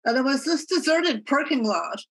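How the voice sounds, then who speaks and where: Woman author with a slightly high voice, telling a story casually on a video call. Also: lively intonation, normal speed, fairly bright tone, low-quality recording. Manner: conversational storytelling. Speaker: author and filmmaker.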